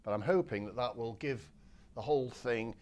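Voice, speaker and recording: A man's voice: medium pitch, moderate pace. Chatty man teaching watercolour. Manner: relaxed, chatty step-by-step explaining. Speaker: watercolour art instructor. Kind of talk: painting demonstration. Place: home art studio.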